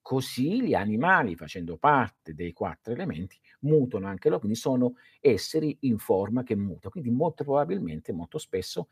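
A middle-aged man hosting a livestream, reading out viewer questions and answering them in an animated, chatty way that often restarts mid-sentence. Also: mid-range voice, normal speed, hardly any pauses, husky, dry recording, clean studio sound. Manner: animated, repeats and restarts, talks to viewers directly. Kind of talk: casual esoteric livestream talk.

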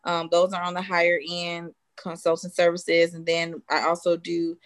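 A woman, a real estate consultant answering interview questions in a steady, matter-of-fact way with frequent "um"s. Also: on the low side, moderate pace. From South Side of Chicago. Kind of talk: casual interview guest.

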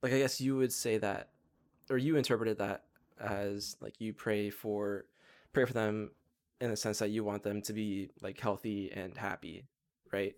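A man's voice: on the low side, steady tone, a little slow, darkish tone. A young man in a casual chat, talking loosely and searching for words with lots of fillers.

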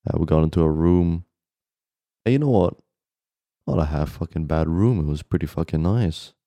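A young man speaks in a very low, relaxed voice, dryly recorded. He co-hosts a podcast like a frat bro, telling stories casually with slang and constant swearing. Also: fairly quick, no echo. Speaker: podcast co-host. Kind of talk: casual chat, storytelling.

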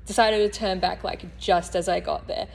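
A young woman, a guest in candid conversation, mostly offering quiet, brief supportive murmurs. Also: on the low side, steady tone, normal speed, vocal fry. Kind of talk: casual candid chat.

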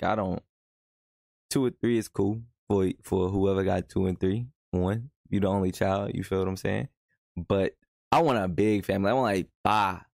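A young man hosting his own podcast, talking in a relaxed, conversational way and often checking in with "you know what I'm saying". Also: lowish voice, vocal fry, no echo, studio quality. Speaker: podcast host. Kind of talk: casual solo podcast monologue.

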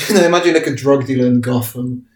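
A man's voice: medium pitch, brisk. Rambling man in an echoey room. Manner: rambling, laughs often, many fillers. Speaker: podcast co-host. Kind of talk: casual chat. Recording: echoey room, faint noise.

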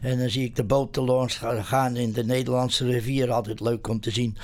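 A man hosting a community radio show, talking casually with frequent pauses and restarts. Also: mid-range voice, little pitch movement. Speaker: radio host.

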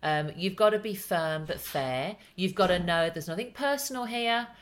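A middle-aged woman, a family law solicitor hosting a podcast, explaining things in a calm, measured way. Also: on the low side. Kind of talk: casual podcast chat.

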